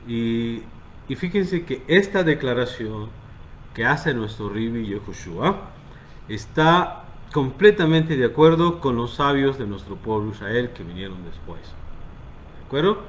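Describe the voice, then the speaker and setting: A man's voice: mid-range voice, expressive, measured pace, a little hiss or hum. A man teaching scripture to a congregation, stressing key words and often checking that his listeners follow. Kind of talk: Bible teaching.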